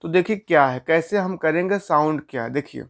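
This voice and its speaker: A man's voice: fairly high pitch, brisk, creaky. A man teaching a grammar lesson, explaining step by step and asking questions he answers himself.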